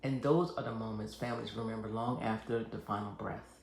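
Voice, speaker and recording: A man with a creaky, gravelly voice presents scripted educational material as a hospice nurse. His delivery is measured, earnest and reassuring. The recording is roomy and echoing, with faint noise behind him. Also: fairly low pitch, fairly even intonation. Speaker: hospice nurse and channel host. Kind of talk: scripted educational narration to camera.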